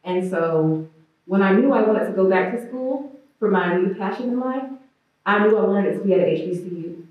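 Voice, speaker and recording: A woman's voice: medium pitch, moderate pace. A woman answering on a panel in an earnest, reflective way. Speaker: student panelist. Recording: phone-like, distant and echoey.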